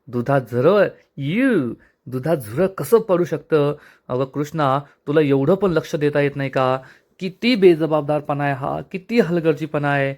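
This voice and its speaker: Man doing a spiteful young woman, taunting, loud reproach, fairly high voice. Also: natural voice.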